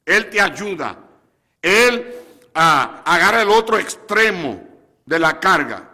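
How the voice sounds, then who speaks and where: High, bright-voiced preaching pastor. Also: male voice, sing-song, slow pace. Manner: preaches with questions to the congregation, mixing in English words. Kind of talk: sermon. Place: church sanctuary. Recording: long hall reverb.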